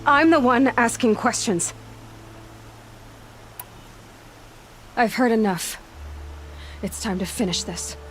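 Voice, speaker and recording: A firm, blunt young huntress. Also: female voice, a little high, expressive, measured pace, slight background noise. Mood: sharp, demanding. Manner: direct, questioning, firm. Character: resolute young woman hunter, guarded, blunt, compassionate. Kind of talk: naturalistic video game acting.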